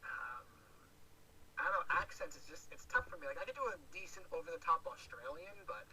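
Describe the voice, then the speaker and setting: Animated man on a distant call. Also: on the high side, fairly quick. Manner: animated, laughs often. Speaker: guest, web video creator. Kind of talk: casual interview chat. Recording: distant voice with faint noise.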